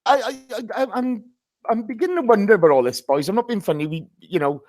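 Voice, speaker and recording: Hungover bloke hosting a live footy chat, blunt and matey, dry close sound. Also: male voice, high voice, animated, fast talker, a little mellow, no room sound. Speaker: host of a football fan live show.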